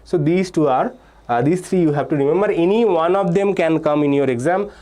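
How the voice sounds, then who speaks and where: A dark-toned male voice, on the high side and fairly quick. The young Indian man is leading a live online physics exam-prep class, reading names and answers from chat, explaining step by step, and repeating key points between "uh"s and "okay"s.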